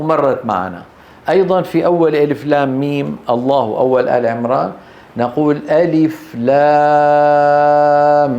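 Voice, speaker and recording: A man runs a tajweed class, rattling through rules and quizzing his students before slowing down to chant the examples. His voice sits a little high for a man. The room is echoey, with a faint hum of noise behind him. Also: a little mellow. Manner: quick explanations with questions to the class, slow chanted recitation examples. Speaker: Quran recitation teacher. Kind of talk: classroom tajweed lesson with recitation.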